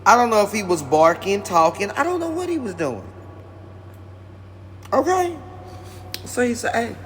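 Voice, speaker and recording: A man's voice: high-pitched, big pitch swings, normal speed, fairly bright tone, a little hiss or hum. A male comedian telling a rambling comic story and talking directly to his audience.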